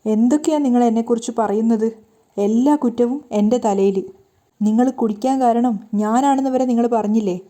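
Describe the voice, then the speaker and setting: A woman voicing a hurt young wife who loudly reproaches and pleads with her hot-tempered husband. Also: on the high side, fairly even intonation, normal speed, natural voice. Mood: tearful pleading.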